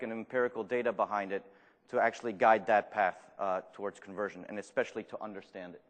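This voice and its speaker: An Argentine man whose first language is Spanish speaks with a French accent as he gives a live talk at a conference, using a mid-range voice. He is self-deprecating and jokey, putting questions to the audience. The recording comes from a large conference room and has the reverberation of a big hall.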